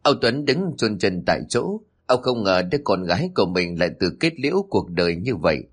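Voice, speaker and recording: A man narrating a dramatic story in a steady, expressive way. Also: low voice, a little fast, husky, faint music behind.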